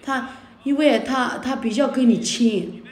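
A woman's voice: fairly high pitch, unhurried, a little mellow. A woman livestreaming at night, arguing indignantly, scolding and repeating herself. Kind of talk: heated argument on a livestream. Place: indoor room at night. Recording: echoey room.

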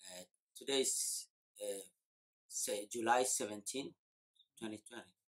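A man in his forties from eastern Congo speaks unhurriedly in a fairly low pitch. In an indoor room, recorded on a lapel mic, he explains things at length and thoughtfully during an oral history interview, using hesitant fillers.

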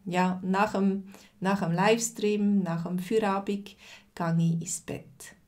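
Slow, patient Swiss teacher woman. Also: mid-range voice, fairly even intonation, a little mellow. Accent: Swiss German. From Switzerland. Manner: patient, answers viewers' chat comments by name. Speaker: language teacher. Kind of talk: live-streamed language lesson.

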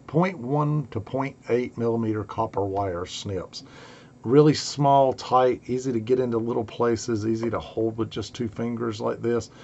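A middle-aged man, hoarse and raspy with a cold, giving a casual, folksy instructional talk to camera from a home basement workshop. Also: mid-range voice, a little mellow, dull audio. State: congested and hoarse from a two-week cold and sore throat. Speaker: host of an electronics build tutorial. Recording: clearly noisy home workshop recording.

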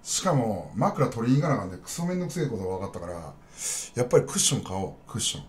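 Animated rambling male live streamer. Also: mid-range voice, racing, slight background noise. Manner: rambling, blunt, addresses viewers directly. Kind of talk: casual live-stream chat.

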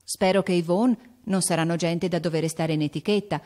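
A woman's voice: lowish voice, steady tone, brisk, mellow, lightly acted. A woman voicing a prim, slightly vain older teenage sister in an audiobook, fussy in manner. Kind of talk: audiobook character voice.

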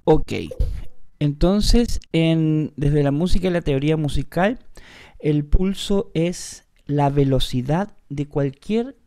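Patient music teacher, mellow tone, online class, calls students by name. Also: medium pitch, takes it slowly.

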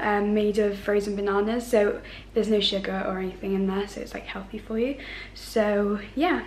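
A teenage girl talks through her day in a chatty vlog, her voice a little high and croaky from just waking up. She fills her sentences with likes and ums. The room around her echoes. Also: a little hiss or hum. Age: teens. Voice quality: croaky morning voice. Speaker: vlogger. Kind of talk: casual vlog chat.

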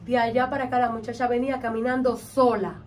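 High-voiced Dominican woman telling a tale. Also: fast. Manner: animated, acts out quotes and chants. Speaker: vodou practitioner guest. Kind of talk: storytelling in an interview. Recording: distant mic, faint background noise.

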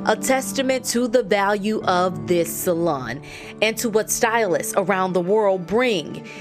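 A woman reporter giving a measured, scripted news narration. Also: mid-range voice, lively intonation. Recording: voice-over with music bed.

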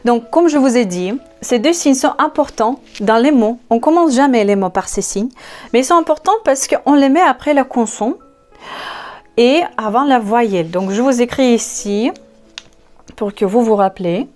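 A native Russian speaker with a Russian accent gives an online language lesson, slowly and patiently spelling out letters and repeating every word. Her voice is a little high and a little mellow, with lively intonation. Soft music plays in the background.

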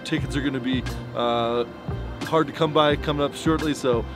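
A man in his thirties gives a loose, unscripted report to camera, filling gaps with ums and you-knows. His voice sits at a middling pitch for a man. Music plays clearly underneath him. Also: normal speed. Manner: relaxed, rambling, many fillers and restarts. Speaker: fly shop owner giving a fishing report. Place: outdoors by pickup trucks in snow. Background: music bed under the talk.

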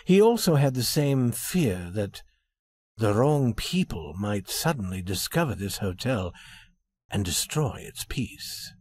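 Expressive male storybook narrator. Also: fairly low pitch, slightly rough. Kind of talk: storybook reading for English learners.

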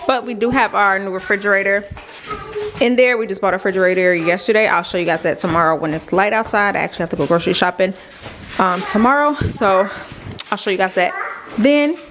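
A young woman vlogger with a mid-range voice talks fairly quickly and casually to her viewers, showing them around the rooms of a house under renovation. Her nearby camera picks up clear background noise and clicks indoors.

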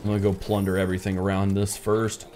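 A man's voice: deep voice, completely flat delivery, quick pace, darkish tone, soft background music. A man in his thirties hosting a casual let's play, thinking aloud in an easygoing way. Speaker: gaming channel host. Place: indoor room.

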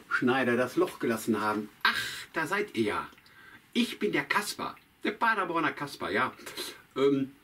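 A man voicing Kasper, a cheerful, chatty puppet jester who talks straight to the children in a puppet show. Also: mid-range voice. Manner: chatty, addresses children directly, drawn out. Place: outdoors on a town market square. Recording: distant mic, faint guitar music.

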